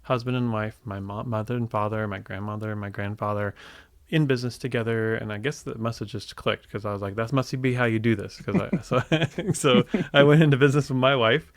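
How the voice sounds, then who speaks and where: A man's voice: fairly low pitch, brisk, dry recording. A man in his forties from Indiana, a tech company co-founder talking reflectively as an interview guest, often restarting his sentences. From Indiana, USA. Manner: relaxed, reflective, many restarts. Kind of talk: conversational interview.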